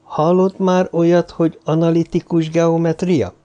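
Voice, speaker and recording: A man reading an audiobook, voicing a dying bearded mathematician who speaks in a low, raspy, scornful, lecturing way. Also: little pitch movement, dark tone, muffled recording, natural voice. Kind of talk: audiobook character voice.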